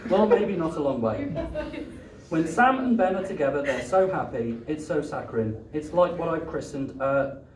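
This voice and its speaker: A man's voice: fairly high pitch, expressive, normal speed. A British man giving a joking best man's speech at a wedding reception, partly reading aloud. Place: wedding reception before guests. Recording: echoey, distant, noisy event room recording.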